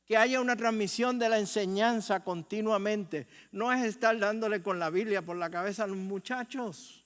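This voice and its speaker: Older Puerto Rican pastor, high voice, chatty sermon with rhetorical questions, long church reverb. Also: male voice, moderate pace, a bit bright, smooth. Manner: conversational preaching with rhetorical questions and humor. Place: church sanctuary.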